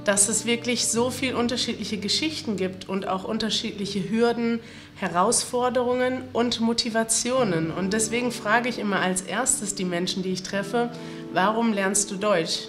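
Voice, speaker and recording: A woman host speaks to viewers sincerely and reflectively, mid-pitched and steady. Music plays clearly in the background. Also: normal speed. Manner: earnest, emotional, reflective. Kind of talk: heartfelt address to viewers.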